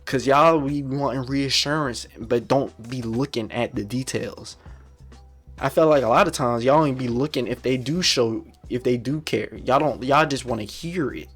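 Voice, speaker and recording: A man's voice: medium pitch, moderate pace, fairly bright tone, husky, soft background music. A man in his twenties hosting a solo podcast, talking bluntly in slangy, profane, repetitive casual speech. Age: 20s. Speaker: podcast host.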